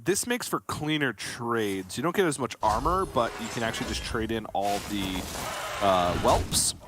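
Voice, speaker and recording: A man's voice: mid-range voice, animated, normal speed, background noise. A man casting a live card game tournament, teasing his co-caster with playful banter. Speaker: esports caster.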